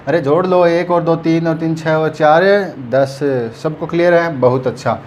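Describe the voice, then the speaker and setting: A man's voice: fairly high pitch, fairly even intonation, moderate pace, a little mellow, muffled recording, a little hiss or hum. A man teaching a math lesson, counting aloud patiently and checking often that his students follow.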